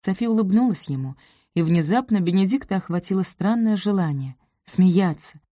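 A woman narrating a romance novel in a smooth, even reading voice. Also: medium pitch, moderate pace, no echo, clean studio sound. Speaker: audiobook narrator.

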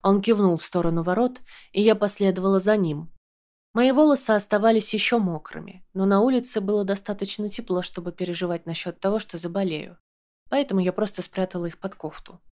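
A woman narrates an audiobook in the first person. Her reading is calm and measured, an even storytelling voice. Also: mid-range voice.

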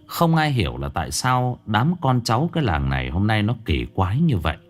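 Male horror narrator, low and expressive. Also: a little fast. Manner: dramatic, drops pitch for suspense. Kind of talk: scripted narration. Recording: faint background music.

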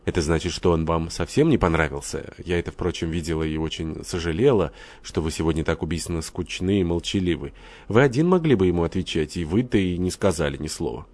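A man's voice: low-pitched, a little mellow, dry recording. A man reading a composed, shrewd general's wife who questions people carefully. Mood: probing. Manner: measured, probing.

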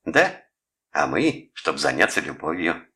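A man's voice: very deep voice, big pitch swings, a little slow, bright, forceful tone, exaggerated voice. A man voicing a cocky teenage boy who taunts a soldier with mock-formal politeness. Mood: taunting. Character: cocky teen male prankster, mocking.

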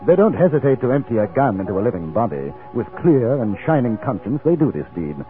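A man playing a wry English gentleman adventurer. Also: medium pitch, big pitch swings, fast, natural voice. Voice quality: dry, polished, wry. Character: urbane, cool-headed English gentleman adventurer. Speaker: narrator and lead. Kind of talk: 1950s radio drama acting. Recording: narrow-band 1950s radio broadcast with music.

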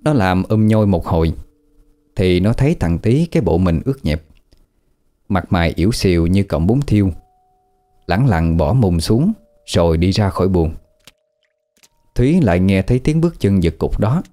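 A man narrating a ghost story in a steady storytelling manner. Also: deep voice, normal speed, long pauses.

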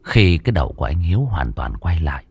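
Low, dramatic male ghost-story narrator. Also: very animated, quick pace, vocal fry, husky. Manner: dramatic, suspenseful.

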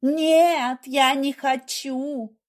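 A woman's voice: sits high, steady tone, slow pace, pitched above the performer's own voice. A woman reading aloud voices a hysterical, jealous pregnant young wife who screams and sobs. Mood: desperate. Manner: shrieking, sobbing, furious.

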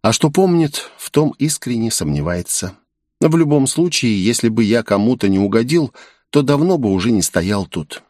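Bearded bartender voiced by a man, dry, matter-of-fact, lively, close dry mic, audiobook. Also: medium pitch, normal speed, dry recording, lightly acted. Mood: wry. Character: bearded middle-aged bartender, dry and pragmatic. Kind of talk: audiobook character voice.

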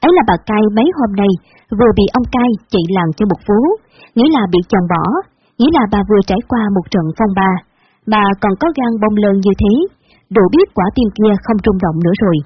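Brief: husky female narrator, measured story reading, muffled lo-fi recording. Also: mid-range voice, lively intonation. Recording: dull lo-fi recording.

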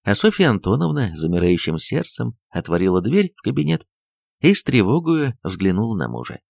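A man narrating a novel as an audiobook, reading in an expressive, dramatic storytelling manner. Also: lowish voice, moderate pace, vocal fry, no echo, studio quality.

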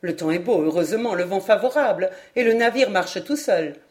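A woman voicing a chatty, effusive foreign gentleman. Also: mid-range voice, lively intonation, brisk, natural voice. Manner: voluble, effusive, jumps between topics. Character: talkative, excitable male foreign traveler.

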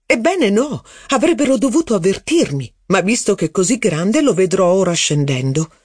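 A man's voice: high voice, sing-song, moderate pace, a little mellow, slightly rough, no echo, clean studio sound, voice pushed up, heavily acted. A man voicing an imperious, demanding aristocratic duchess in an audiobook. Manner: imperious, commanding servants.

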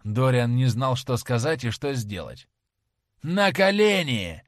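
A man narrating a classic novel as an audiobook in a dramatic, expressive manner. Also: mid-range voice, normal speed, no echo, studio quality. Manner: dramatic, lively storytelling.

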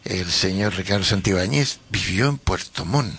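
A man hosting a casual radio interview in a studio. He talks in a relaxed, hesitant way and often repeats words. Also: low voice, moderate pace, slightly rough. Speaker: radio host. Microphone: studio microphone.

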